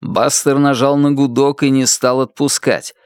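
A man narrating a dark thriller audiobook in a tense, vivid way. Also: medium pitch, level tone, a little slow, smooth, no room sound, studio quality. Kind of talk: dramatic audiobook reading.

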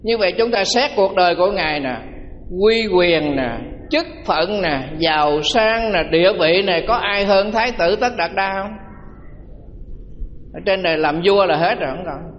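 A man's voice: high-pitched, normal speed, slight background noise. A man, a Buddhist monk, giving a dharma talk as a sermon, telling stories and asking the audience rhetorical questions. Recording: dull lo-fi audio with long hall reverb.

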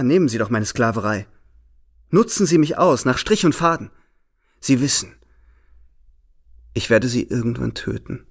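A man giving a dramatic reading of a novel as a feverish young man in love, shifting between hushed words and sudden exclaiming. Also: on the low side, creaky, husky. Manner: impassioned, swings from hushed to exclaiming. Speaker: narrator.

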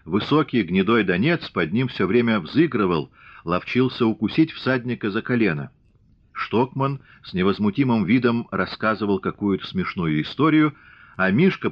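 A male audiobook narrator with a low voice reads a classic novel in a measured, literary way. The recording is dry and close, with a slightly dull tone. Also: no room sound.

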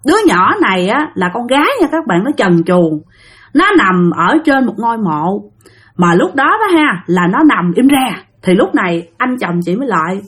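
Dramatic Southern Vietnamese woman storyteller. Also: high voice. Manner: dramatic, addresses listeners directly. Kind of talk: ghost story narration.

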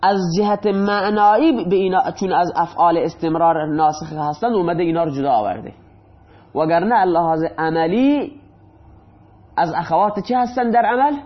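A male teacher giving a grammar lesson, patiently repeating examples and asking questions that he then answers himself. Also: sits high. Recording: dull lo-fi recording.

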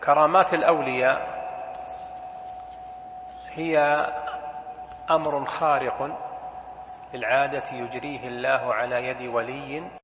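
A man, a sheikh explaining a classical text in a lesson, slow and deliberate and stressing key terms. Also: mid-range voice, fairly even intonation. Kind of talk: scholarly lesson commentary. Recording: echoey hall, dull sound with faint hiss.

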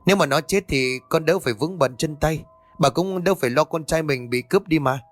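Young servant girl, blunt, sly, higher pitched; male narrator voices her. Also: fairly quick, no echo, soft background music, natural voice. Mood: blunt questioning. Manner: blunt, questioning.

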